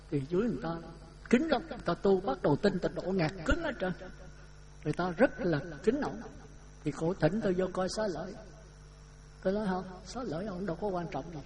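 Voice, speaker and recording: A man's voice: high-pitched, rough recording. A man, a Buddhist monk, telling a folksy, chatty story in a dharma talk, laughing as he goes. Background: audience laughter.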